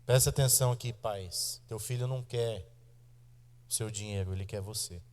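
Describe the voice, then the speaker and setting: A man in his thirties with a Brazilian accent, preaching to his congregation as pastor, emphatic and direct, slowing down and speeding up for effect. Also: fairly low pitch, a little mellow. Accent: Brazilian Portuguese. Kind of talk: sermon. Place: church sanctuary. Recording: church hall reverb.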